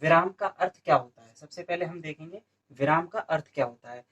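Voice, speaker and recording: A man's voice: fairly high pitch, fairly quick, a bit bright, muffled recording. A man from India teaching a Hindi grammar lesson for an exam coaching class, who asks questions and answers them himself and keeps adding "okay". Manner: repeats questions and answers them, frequent "ठीक है" fillers.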